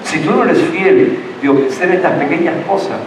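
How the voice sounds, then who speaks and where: A man's voice: high-pitched, a little fast, noisy background. A middle-aged man, preaching a sermon as pastor, earnest and full of repeated words and restarts. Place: church sanctuary. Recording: echoey church hall, distant mic.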